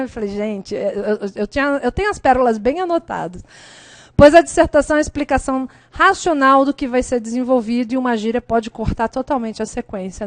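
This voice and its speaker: Chatty high-voiced woman teacher. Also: no echo. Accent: Brazilian Portuguese. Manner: lively, chatty, often checks with "né?" and "tá?". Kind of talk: exam-prep lecture.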